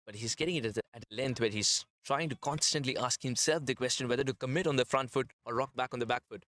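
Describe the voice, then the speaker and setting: A man's voice: mid-range voice, fast talker, a bit bright. A man commentating live on a cricket match, explaining tactics and bowling in detail. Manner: analytical, explains tactics at length.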